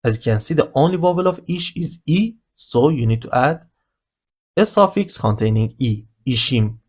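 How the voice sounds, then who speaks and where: A language teacher with an animated, mid-range voice, a little mellow and breathy at the edges, speaks at a moderate pace. He narrates a slow, explanatory beginner grammar lesson, patiently walking through the rules step by step.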